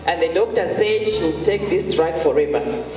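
A woman's voice: low-pitched, expressive, normal speed. A woman gives an earnest church testimony, circling back to repeat her key phrases. Her voice carries through a big, long-ringing hall. She stands some way off from the mic, with music playing underneath. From Zambia. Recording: echoey hall, far from mic, music behind.

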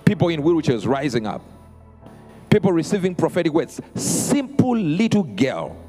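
A man's voice: fairly high pitch, big pitch swings, moderate pace, warm tone. A middle-aged man giving a public eulogy, emphatic and repeating his phrases. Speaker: speaker at a funeral. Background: music.

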